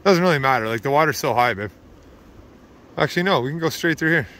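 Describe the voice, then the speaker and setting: A man's voice: on the high side, lively intonation, fast, fairly bright tone, slight background noise. Tired, rambling man vlogging outdoors. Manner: easygoing, rambling, with fillers and laughs. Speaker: vlogger on a canoe trip. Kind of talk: casual outdoor vlog narration. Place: outdoors on a wilderness lake and river trip.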